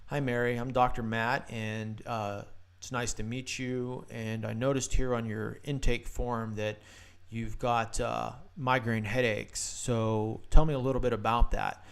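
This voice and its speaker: A man voicing a bored male doctor who greets a patient in a flat monotone. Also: mid-range voice, unhurried, vocal fry, clean tone.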